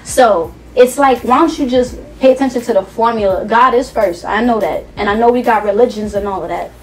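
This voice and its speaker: On a talk show, a New York woman who's a guest musician speaks a little fast in a voice on the high side. She comes across emphatic and slightly preachy, repeating herself and filling gaps with fillers, captured by a distant mic with faint noise.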